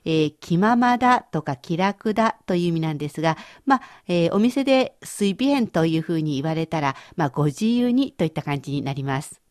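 A woman's voice: fairly low pitch, expressive, fairly quick, a little mellow, no room sound, studio quality. A woman teaching Chinese vocabulary in a radio lesson, explaining each word patiently and carefully.

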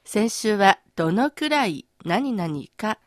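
A woman co-hosting a language lesson, saying model syllables slowly and carefully. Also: mid-range voice, animated, no echo, clean studio sound. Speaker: co-host modelling pronunciation.

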